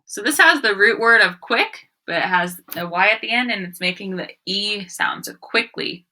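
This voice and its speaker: With medium pitch and lively intonation, a woman teacher at an elementary school delivers a phonics read-aloud, instructing the children directly and emphasizing each sounded-out word. Her tone is pushed and bright, her speed normal, with slight background noise.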